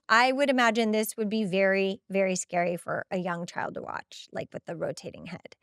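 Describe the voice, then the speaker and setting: A woman's fairly high voice, recorded dry with clean studio sound, carries a podcast host's chatty recap of a TV episode. Casual yet emphatic and expressive, she acts out the dialogue she quotes.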